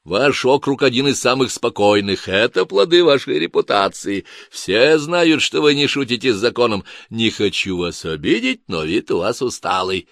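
A man's voice: medium pitch, very animated, normal speed, vocal fry, hardly any pauses, fairly bright tone, no room sound, clean studio sound, pitched above the performer's own voice. A man voicing a fussy, overly friendly chief of guards with a nasal voice, gushing and evasive in an audiobook. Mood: effusive. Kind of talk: audiobook character voice.

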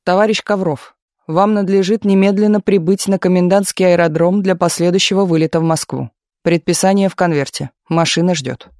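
A man's voice: sits high, fairly even intonation, fairly quick, a little mellow, no echo, studio quality. A man voicing a formal duty officer delivering official orders.

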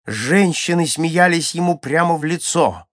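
A man reading a story aloud for a children's audiobook, with dramatic swings between loud passages and hushed ones. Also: fairly high pitch, expressive, a little slow, no room sound, clean studio sound. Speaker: audiobook narrator.

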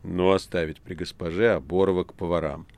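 Woland, a man doing a deep commanding devil. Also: steady tone, a little mellow. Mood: dismissive. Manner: commanding, measured, drawling. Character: imperious ancient male devil, the master.

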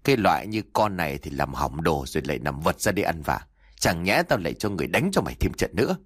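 Man putting on shrill scolding landlord's wives. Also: very animated, husky, exaggerated voice. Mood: sneering. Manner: shrill, fast berating. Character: cruel scolding wives of a rich landlord, female.

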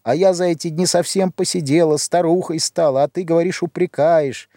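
Guy putting on a weepy old mother, simple and scared, voice pushed up high, pleading and reproachful, audiobook story. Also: fairly even intonation, brisk, dark tone, no echo, studio quality, lightly acted. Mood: plaintive. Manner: plaintive, pleading.

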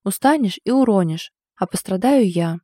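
A woman voicing a tipsy, sulky young woman who answers with huffy sarcasm, a little higher and louder than her narration. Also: lively intonation, moderate pace, no room sound, clean studio sound, lightly acted. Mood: sulky, sarcastic.

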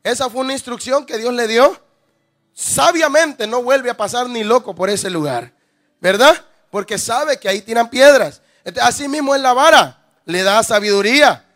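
A man's voice: very high voice, animated, normal speed, a bit bright. A man preaching a sermon, firing rhetorical questions at the congregation, calling them brother and acting out little scenes. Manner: rhetorical questions, calls listeners "hermano", acts out scenes.

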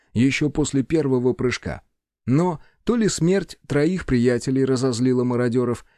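A man narrating an action story in a measured, dramatic reading. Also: medium pitch, dark tone, no echo, clean studio sound. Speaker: audiobook narrator. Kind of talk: scripted narration.

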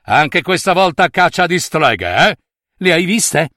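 A man voicing a reckless, cheeky male zombie biker who shouts and makes revving engine noises in a storybook. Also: fairly high pitch, big pitch swings, takes it slowly, no echo, clean studio sound, voice pushed up, heavily acted. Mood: teasing.

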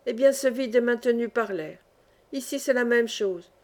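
A woman reading the part of a calm old schoolmaster among trapped miners, explaining things patiently in an audiobook. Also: a little high, normal speed, natural voice. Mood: explaining calmly. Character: wise old male mine schoolmaster, calm.

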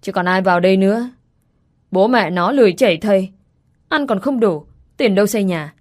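A woman's voice: mid-range voice, brisk, natural voice. Woman doing a nagging older village mother. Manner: nagging, blunt.

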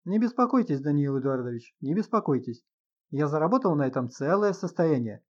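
A man voicing a calm, polite psychotherapist who asks probing questions in an audiobook reading. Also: a little high, brisk, highs cut off. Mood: wry.

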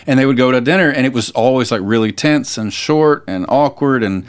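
A man's voice: medium pitch, brisk, smooth. A man co-hosting a podcast, chatting casually and retelling a story with lots of fillers and restarts. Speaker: podcast co-host. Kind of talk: casual chat.

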